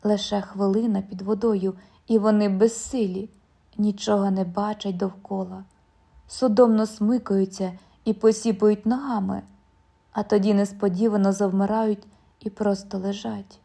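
Mellow woman narrating an audiobook. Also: mid-range voice, vocal fry. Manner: measured, calm storytelling.

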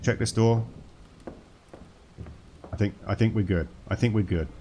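A man's voice: fairly low pitch, a little slow, mellow, slight background noise. A man casually commenting on a horror game as he plays, joking and talking to the game's characters. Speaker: gaming channel host.

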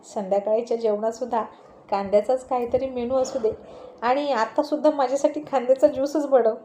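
Storybook husband in his forties, joking and teasing, as a woman reads him, warm and mellow with a slightly high tone. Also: steady tone, a little fast, slight background noise, natural voice.

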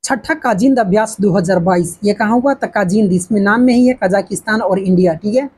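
A woman's voice: mid-range voice, fairly quick, darkish tone, husky. A woman teaching an exam-prep lesson, asking questions and answering them herself. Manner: repetitive, asks and answers her own questions.

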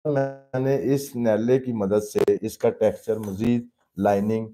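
A man's voice: lowish voice, fairly even intonation, slow pace, warm tone. A man teaching a live painting class, patiently explaining each step in plain everyday words and calling students "beta". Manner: addresses students fatherly as "beta". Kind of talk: live painting demonstration lesson.

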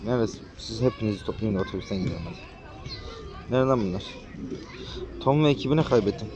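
A young man with a lowish, expressive voice talks fast as he gives casual gameplay commentary as a gaming YouTuber. He speaks to the on-screen characters roughly, bossily, and with slang. The recording is muffled and the background noisy.

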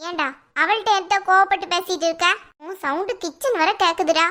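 A woman's voice: very high-pitched, brisk, a bit bright. A woman voicing a bossy older mother-in-law in a cartoon, scolding sharply in a Tirunelveli Tamil accent. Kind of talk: cartoon voice acting.

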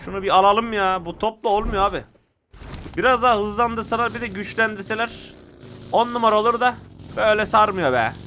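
A young man giving excitable, casual commentary to viewers while playing a mobile shooter game. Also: sits high, brisk, slight background noise.

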